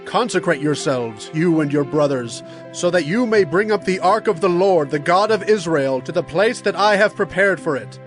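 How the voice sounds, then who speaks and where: A man's voice: a little high, normal speed, faint music behind, natural voice. An actor playing a solemn, commanding king who speaks formally and earnestly in an audio scripture drama. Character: King David, solemn commanding male ruler addressing priests.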